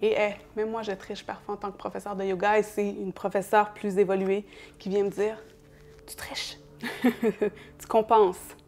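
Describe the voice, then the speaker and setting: A woman with a Quebec French accent, a yoga teacher guiding a class with calm step-by-step instructions and light laughs. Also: mid-range voice, brisk, faint music behind.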